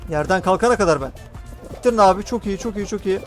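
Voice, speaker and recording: A man with a Turkish accent giving excitable live gameplay commentary, urging his teammates on and chatting to his viewers. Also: high voice, quick pace, soft background music. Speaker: gaming YouTuber.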